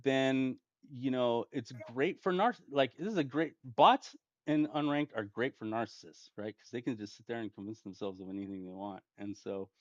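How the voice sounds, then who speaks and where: A man's voice: mid-range voice, moderate pace, no room sound. Man rambling through a gaming story, lo-fi. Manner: rambling, restarts often, chuckles while telling. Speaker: gaming channel host. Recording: dull lo-fi dry home mic.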